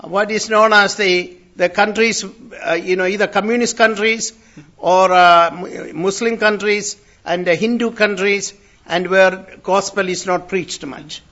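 A man from India preaching in short phrases, pausing for his interpreter after each. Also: high voice, fairly even intonation, bright, forceful tone. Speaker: traveling preacher. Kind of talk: sermon through an interpreter. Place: church hall in the evening. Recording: dull lo-fi sound.

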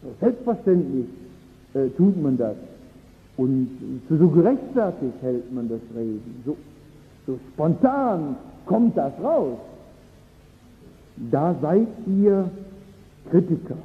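An earnest man preaches a sermon, his rather high voice rising and falling in wide, lively swings. He leans on his key phrases, repeating them for weight. The sound is thin and phone-like, with a long hall echo behind him. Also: slow pace, long pauses.

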